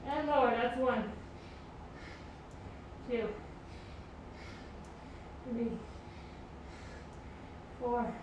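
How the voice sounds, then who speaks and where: Female aerobics instructor, high-pitched and slow-paced, counting reps and giving encouraging form cues; very reverberant room recording. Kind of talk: group workout coaching, counting reps and cueing exercises. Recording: very echoey room, distant mic, noisy.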